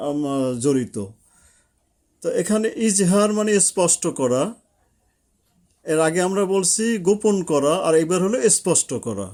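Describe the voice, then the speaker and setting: A man's voice: fairly high pitch, a little mellow. A man teaching a lesson at a board, explaining each rule step by step and repeating it.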